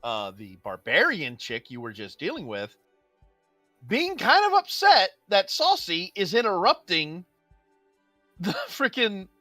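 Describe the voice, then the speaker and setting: A bright, lively game master narrates a tabletop session casually, with big swings in pitch. The delivery is animated and often breaks into laughter, close and dry over faint music. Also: measured pace, dry recording. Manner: animated, laughing as they talk.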